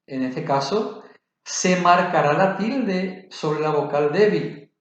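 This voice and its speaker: A man giving a spoken grammar lesson, slow and deliberate, spelling out examples. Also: fairly high pitch. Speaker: teacher. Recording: very echoey, dull lo-fi room.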